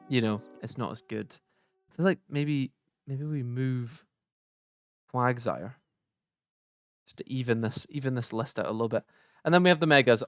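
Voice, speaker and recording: A man's voice: medium pitch, smooth, no room sound, studio quality. A man giving casual, opinionated tier-list commentary, thinking aloud as he sorts. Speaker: gaming YouTuber.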